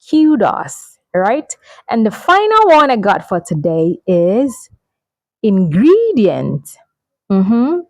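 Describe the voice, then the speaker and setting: Female pronunciation teacher, slow and deliberate, dry close sound. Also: a little mellow, no room sound, poor audio. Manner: slow, drawn-out words, frequent laughs and mm-hmms; jumps high in pitch when modeling words. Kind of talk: pronunciation lesson to camera.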